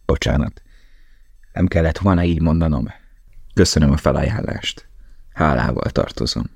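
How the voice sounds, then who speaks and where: A frail young prisoner speaks in a soft, subdued, low voice, as a man reads him in an audiobook. The delivery is quiet and weary, and the recording is dry. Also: vocal fry, slightly rough, no echo, exaggerated voice.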